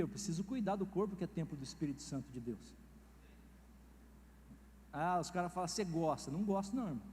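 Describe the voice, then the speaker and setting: A man's voice: high voice, darkish tone. A middle-aged man with a Brazilian Portuguese accent, preaching a sermon in a folksy storytelling way and acting out the dialogue. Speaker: pastor. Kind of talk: sermon with personal anecdotes. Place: church hall. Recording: reverberant hall, faint noise.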